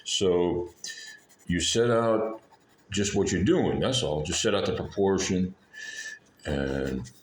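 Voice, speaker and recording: A man hosting an informal drawing lesson, talking in a halting, meandering way and often rephrasing mid-sentence. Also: deep voice. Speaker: art lesson video host. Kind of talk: rambling informal drawing tutorial talk. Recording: echoey room with faint background noise.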